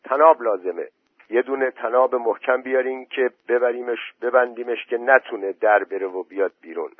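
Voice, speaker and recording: A man's voice: medium pitch, slightly rough, no room sound, voice pushed up, lightly acted. A man voicing a practical village man who coaxes and gives firm orders. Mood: coaxing. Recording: tinny phone-like voice message.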